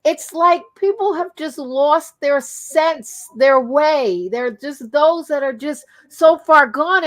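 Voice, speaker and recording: A woman hosting a live talk show, expressive and emotional as she talks about faith. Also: high-pitched.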